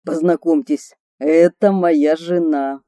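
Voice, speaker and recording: A woman reading a boastful but tender male gang leader in slow, earnest, confiding tones. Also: sits low, fairly even intonation, dark tone, no room sound, clean studio sound, pitched below the performer's own voice.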